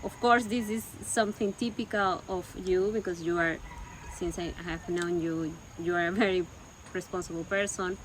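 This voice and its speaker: This Spanish-speaking woman from Peru chats casually at home at a moderate pace, in a steady, lowish voice. She searches for words and repeats herself, and the low-quality recording picks up faint background noise.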